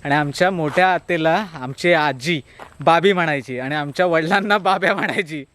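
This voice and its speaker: Konkan man in his thirties, high voice, casual talkative vlogger. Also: normal speed, a little hiss or hum. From Konkan, Maharashtra. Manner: chatty, talks to his small daughter in a lively sing-song. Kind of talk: casual walking vlog.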